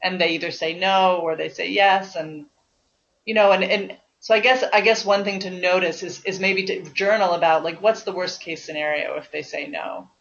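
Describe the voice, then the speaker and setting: A woman's voice: lowish voice, fairly even intonation, moderate pace, creaky, fairly bright tone. A woman leading a health course over an online call, encouraging and talky, with lots of fillers. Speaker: course leader, health coach. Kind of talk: coaching call with a participant. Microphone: online conference call. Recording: dull lo-fi call audio.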